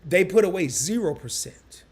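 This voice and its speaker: A man hosting a casual live stream, animated and chatty, reading viewer comments aloud in loose slang. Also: sits high, moderate pace, slightly rough. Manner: animated, chatty, repeats himself.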